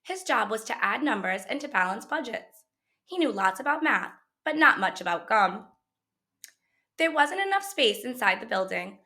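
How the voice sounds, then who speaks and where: With a fairly high-pitched voice, a woman performs a children's picture book like a teacher at story time, bringing plenty of expression to the telling.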